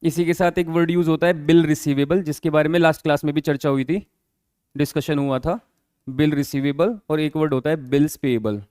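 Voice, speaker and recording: A man with a fairly high voice teaches accounting as a classroom lecture, explaining patiently and repeating the key terms. He keeps stopping to ask whether the students have understood. The recording is close and dry, with no room echo. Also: fairly even intonation, brisk, a little mellow.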